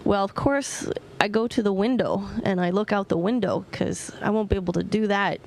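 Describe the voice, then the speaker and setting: A woman's voice: medium pitch, moderate pace, darkish tone, slight background noise. A woman astronaut giving informal, plain-spoken answers to students over a space-to-ground radio link. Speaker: astronaut answering questions from orbit. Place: aboard a space station.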